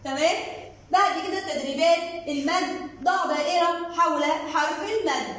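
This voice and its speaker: A woman with an Egyptian Arabic accent and a very high voice teaches young children. She stretches words out in sing-song syllables and speaks to her pupils directly, encouraging them. She is recorded from a distance in a room with heavy echo. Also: a bit bright. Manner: slow drawn-out word readings, sing-song syllables. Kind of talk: children's lesson, explaining workbook exercises.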